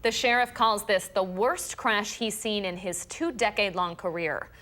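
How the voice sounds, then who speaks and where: Woman, morning news anchor, mid pitch, measured, steady news read. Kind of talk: news reading.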